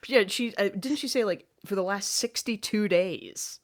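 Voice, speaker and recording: A woman co-hosting a podcast, chatting casually about a TV episode and getting animated when she gives her reactions. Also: mid-range voice, a little slow. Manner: animated, rises sharply when reading her own reactions. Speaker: podcast co-host. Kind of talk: casual recap chat.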